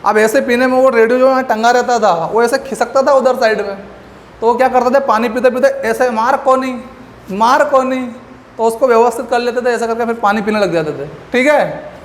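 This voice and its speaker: A man's voice: very high voice, a little fast. A man teaching a lecture class, asking questions and answering them himself with memory tricks. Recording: echoey room with faint background noise.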